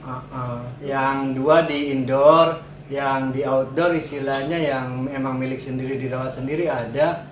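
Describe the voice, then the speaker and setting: A man's voice: medium pitch, fairly even intonation, unhurried. A man giving casual, informal interview answers, often repeating his words and affirmations. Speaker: cat boarding and grooming business owner being interviewed. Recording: echoey room, clear background noise.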